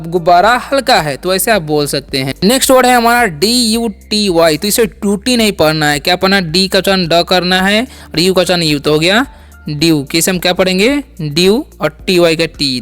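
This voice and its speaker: High, clear-voiced male language teacher. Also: normal speed, a bit bright, faint music behind. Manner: repeats each word and quizzes the listener. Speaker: English teacher. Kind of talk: spoken language lesson.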